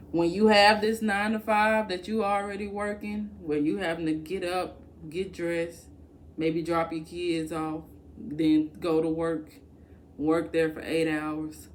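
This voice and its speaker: A woman vlogger speaks straight to her viewers in a slightly low voice, punching her points with blunt, colloquial emphasis. She sounds candid and a little preachy as she lays out advice. A faint room ambience sits behind her. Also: a little mellow, a little hiss or hum. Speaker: work-from-home advice vlogger. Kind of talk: casual direct-to-camera advice.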